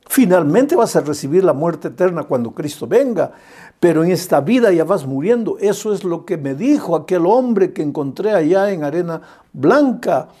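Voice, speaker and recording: A man's voice: sits high, sing-song, moderate pace, dark tone, breathy edge. A male pastor preaching an evangelistic sermon with impassioned, repetitive cadences, speaking directly and fondly to the listener.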